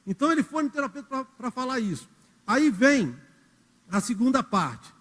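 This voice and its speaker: A man's voice: extremely high pitch, very animated, normal speed, fairly bright tone. A man preaching a sermon as a church elder, telling stories and speaking directly to the congregation. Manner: storytelling, acts out quotes, addresses the congregation directly. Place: church hall. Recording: reverberant church hall.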